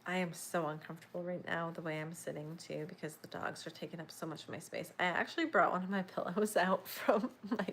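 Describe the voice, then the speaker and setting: A young woman talks casually while crocheting, her voice sitting a little low. She rambles, laughs easily and coos at her dogs. A faint room hum sits beneath her. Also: a little fast, hardly any pauses, fairly bright tone. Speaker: crochet vlogger.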